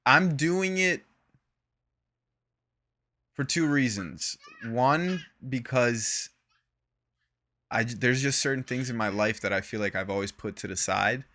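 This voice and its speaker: A man's voice: mid-range voice, slow pace, pauses often, pushed and bright. A young man co-hosting a podcast in casual chat, laid-back and slangy, laughing often and trailing off. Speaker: podcast co-host.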